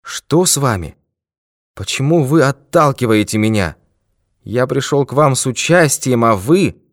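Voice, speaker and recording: A man reading an audiobook, voicing a hoarse, blustering male villain who raises his voice in indignation. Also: on the low side, a little slow, no echo, clean studio sound, voice pushed up, natural voice.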